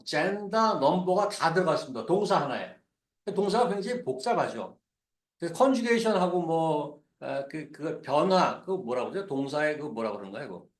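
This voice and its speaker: A man pastor preaching a sermon in a conversational way, asking the congregation questions and mixing English words into his talk. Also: fairly high pitch. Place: church. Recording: echoey church hall.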